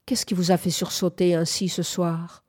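A woman reading aloud, voicing a serious, soft-spoken young man. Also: on the low side, little pitch movement, normal speed, husky, dry recording, studio quality. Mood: gentle. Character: grave, gentle young man.

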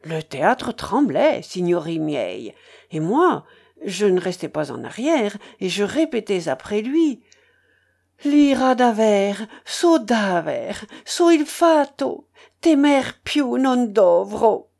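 A woman voicing a boastful old Italian ex-opera singer, pompous and theatrical, with a tremulous hoarse edge, in a read-aloud story. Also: medium pitch, sing-song, slow pace, darkish tone, heavily acted. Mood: exalted. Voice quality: tremulous, hoarse when singing.

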